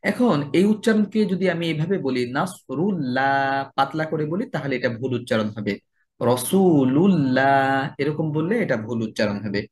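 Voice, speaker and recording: A man teaching a religious recitation lesson, explaining step by step and slowly drawing out each example word. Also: a little high, expressive. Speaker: tajweed teacher.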